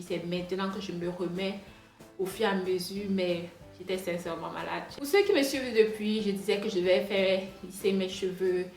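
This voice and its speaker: A woman talks casually into the camera, full of fillers and restarts, her French marked by a foreign accent. The room gives her voice a noticeable echo. Soft music plays faintly behind her. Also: medium pitch. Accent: non-native French accent. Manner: rambling, chatty, many fillers and restarts. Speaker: hair vlogger. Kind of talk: casual storytime monologue.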